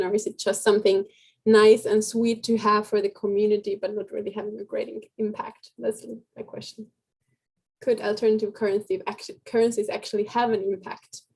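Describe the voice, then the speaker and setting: A woman from Finland speaking on a video call in a workshop discussion, musing gently and asking long questions. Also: mid-range voice, slightly rough, rough recording. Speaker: workshop participant.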